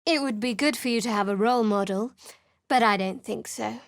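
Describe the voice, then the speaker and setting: This studio video game performance has a woman playing a wary young cleric with biting, dry sarcasm. Her natural voice runs on the high side and brisk, captured by a close mic with no echo.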